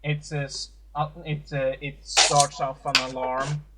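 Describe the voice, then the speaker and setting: Halting man running a tabletop game. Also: fairly high pitch, little pitch movement, heavy background noise. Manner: halting, many fillers and restarts. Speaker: game master.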